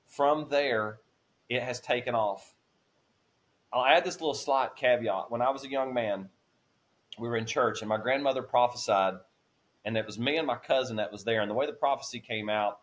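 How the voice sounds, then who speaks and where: Earnest man in his forties telling his testimony. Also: mid-range voice. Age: 40s. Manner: earnest storytelling, voice rising when moved. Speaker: podcast guest. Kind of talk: emotional testimony.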